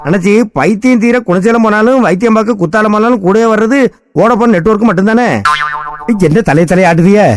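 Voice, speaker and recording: Tirunelveli tamil guy, high voice, rambling folksy radio ad talk. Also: a little fast, faint music behind. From Tirunelveli, Tamil Nadu. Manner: chatty, folksy storyteller. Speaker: radio ad character, Mobile Vaayan. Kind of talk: scripted radio ad monologue.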